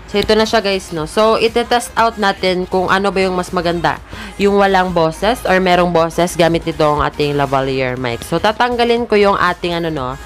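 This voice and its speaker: A young woman with a Filipino accent talks through a casual gadget review, fairly low-pitched for a woman, and keeps checking in with her viewers. Her phone and lapel mic pick up the chat, with faint music playing underneath. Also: moderate pace. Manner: chatty, keeps tagging "guys, no?". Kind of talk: casual product review vlog. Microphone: switches between a lapel mic and the phone's own mic.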